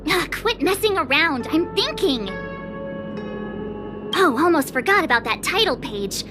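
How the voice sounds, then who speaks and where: A bright young game heroine, high and very animated. She plays detective with cheerful overconfidence and dramatic flair. Music runs clearly behind her voice. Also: a little slow. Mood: flustered. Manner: playful, self-assured, dramatic. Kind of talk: video game voice acting.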